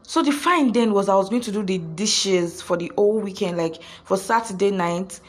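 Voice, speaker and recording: A woman's voice: mid-range voice, normal speed, breathy edge. A young woman with a Nigerian accent, telling a personal story to her viewers in a chatty, giggly way with local slang. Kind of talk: casual storytelling vlog.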